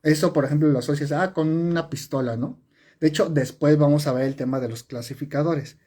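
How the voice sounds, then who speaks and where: On a live stream, a man teaches sign language step by step, repeating himself, correcting himself and using lots of fillers. His voice is slightly high, dark in tone and fairly quick. It sounds like it was picked up by a phone or webcam.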